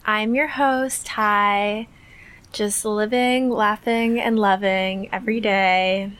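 A young woman co-hosting a podcast, chatting in a relaxed, unhurried way with many fillers. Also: mid-range voice, clean tone. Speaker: podcast co-host. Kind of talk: casual chat.

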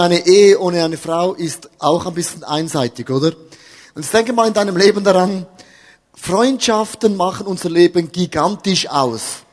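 Preacher, male, high voice, playful storyteller, live in a reverberant hall. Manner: humorous, talks to the audience with questions. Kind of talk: lively sermon with stories. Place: church hall with audience.

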